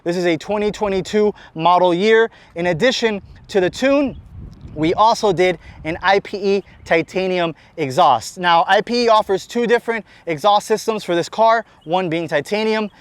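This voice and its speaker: An American man with an energetic, enthusiastic manner, talking fast and unscripted as he presents a car outdoors on a city street. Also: high voice, clean tone. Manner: energetic, enthusiastic, talks fast in long run-on sentences. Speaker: shop owner presenting a car.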